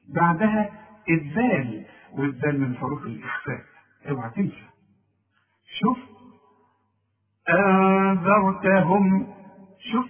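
A man with an Egyptian Arabic accent teaching a tajweed lesson, patiently quizzing the listener with questions he answers himself and slowly drawing out recited examples with a nasal hum. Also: fairly high pitch, distant mic. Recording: tinny phone-like sound.

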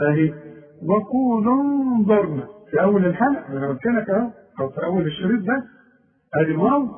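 A man with an Egyptian Arabic accent teaching Quran recitation, chanting verses slowly and then correcting and explaining in quick, direct asides. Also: high-pitched. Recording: tinny phone-like sound.

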